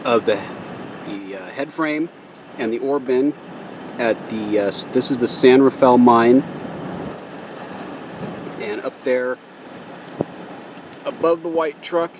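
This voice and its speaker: A man giving casual, halting commentary as host of an outdoor exploring video, recorded outside in the wind. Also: mid-range voice. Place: outdoors at an abandoned mine in open desert. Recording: loud wind noise outdoors.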